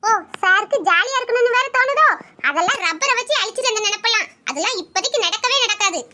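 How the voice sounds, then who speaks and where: A woman's voice: extremely high pitch, animated, fast, bright, forceful tone, a little hiss or hum. A woman playing a wailing, bossy new bride in a comic couple sketch. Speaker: new bride in a comedy skit.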